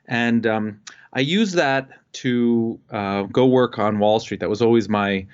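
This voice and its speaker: A man from Costa Rica, a guest entrepreneur, telling his life story in a relaxed way with many pauses and fillers. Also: medium pitch, clean tone, muffled recording.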